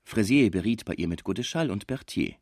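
A man reading a classic novel aloud as an expressive audiobook narrator. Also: on the low side, brisk, dry recording, clean studio sound.

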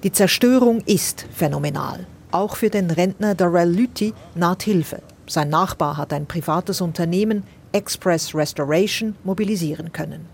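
Low-voiced woman narrating a radio report. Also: moderate pace, gravelly, few pauses, darkish tone, a little hiss or hum. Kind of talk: scripted news narration.

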